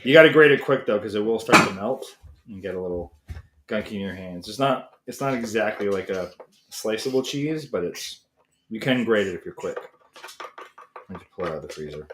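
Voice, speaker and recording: A cooking show host with a lowish, animated voice chats at a moderate pace during a live cook-along stream from his home kitchen, rambling casually and correcting himself as he works. The kitchen sounds echoey, with a noisy background.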